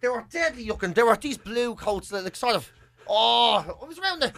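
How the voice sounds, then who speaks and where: A man's voice: very high-pitched, expressive, fairly quick, a bit bright. An Irish man co-hosting a casual chat show, telling self-mocking stories and swearing freely. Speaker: podcast co-host.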